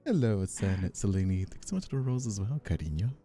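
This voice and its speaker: A Brazilian streamer and voice actor hosts a livestream, his lowish voice warm, sing-song and fairly quick, with faint music behind. The chat is casual and playful, rambling and often repetitive.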